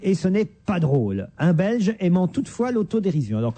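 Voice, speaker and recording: Teasing host reading listener mail. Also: male voice, sits high, very animated, fairly quick, mellow. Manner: reads messages aloud, teasing and laughing.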